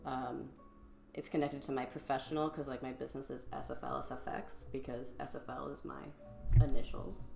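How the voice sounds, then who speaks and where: A woman's voice: a bass voice, flat delivery, fairly quick, vocal fry, reverberant, over music. A young woman who works as a special effects makeup artist, chatting casually and laughing easily on a livestream.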